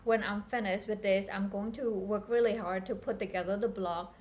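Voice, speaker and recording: A woman's voice: mid-range voice, steady tone, normal speed, a little mellow. A woman from Cambodia, giving a chatty, earnest live-stream tutorial on pattern making and talking straight to her viewers. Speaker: fashion pattern-making instructor.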